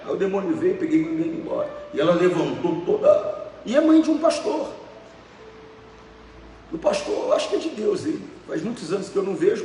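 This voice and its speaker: Pastor preaching in an echoey hall. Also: male voice, high voice, recorded from a distance, slight background noise. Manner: emphatic storytelling with repetitions. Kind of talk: preaching sermon.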